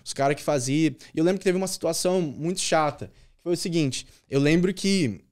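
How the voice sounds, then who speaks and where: A man's voice: a little high, brisk, a little mellow. A man, a youth pastor telling a personal story as a podcast guest, earnest and repeating key words for emphasis.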